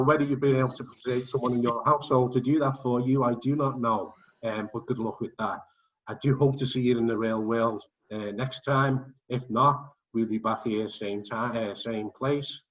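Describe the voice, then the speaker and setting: A man's voice: lowish voice, a bit bright. A man chairing an online forum, talking in a chatty, joking way with plenty of ums, over a video call. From England. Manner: chatty, jokey, full of ums. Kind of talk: online meeting chat. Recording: distant, dull video call audio.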